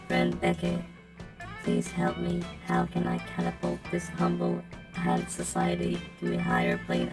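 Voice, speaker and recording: A woman's voice: gravelly, exaggerated voice. A woman speaking through a voice changer that drags her voice far down, voicing a formal, curious male robot who studies organic life with stiff, polite phrasing. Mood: pleading. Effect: voice changer pitching the voice far down. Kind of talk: reading game dialogue aloud with a friend. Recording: loud music playing behind.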